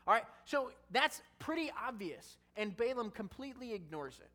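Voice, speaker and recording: A man's voice: extremely high pitch, very animated, normal speed, pushed and bright. A man preaching a casual sermon, reading scripture aloud and breaking off into conversational, joking asides. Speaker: pastor.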